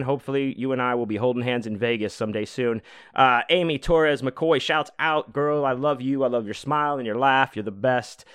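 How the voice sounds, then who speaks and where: A man's voice: medium pitch, a bit bright, clear, resonant tone, no echo. A man hosting his own podcast, talking loosely and rambling, with lots of fillers and swearing. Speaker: podcast host. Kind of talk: casual solo podcast monologue. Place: home room.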